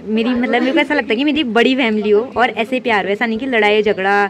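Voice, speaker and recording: A woman's voice: on the high side, fast. A woman hosting a casual family vlog, chatty and teasing, talking to her viewers. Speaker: vlogger host. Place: family home in the hills, rainy day. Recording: busy household chatter behind.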